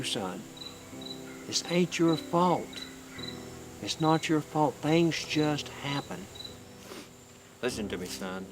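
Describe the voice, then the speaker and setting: A man playing an older grandfather, speaking softly, slowly and from the heart. His voice sits at an average pitch. Crickets chirp loudly around him in the night air. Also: lightly acted. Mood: consoling. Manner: gentle, pleading, slow and heartfelt. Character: grieving rural grandfather comforting his grandson. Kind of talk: film drama acting. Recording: crickets and night noise outdoors.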